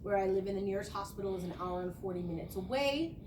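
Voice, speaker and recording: Talking fast in a medium-pitched voice, a young woman studying education gives a spoken reflective class presentation. This student teacher from a small rural town explains her ideas earnestly and conversationally. The recording comes from an echoey room with a distant mic and is noisy.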